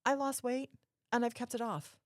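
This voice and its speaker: A woman's voice: on the high side, steady tone, normal speed, dry recording, clean studio sound. A woman co-hosting a podcast, explaining her points casually and emphatically, often rephrasing them. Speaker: podcast co-host.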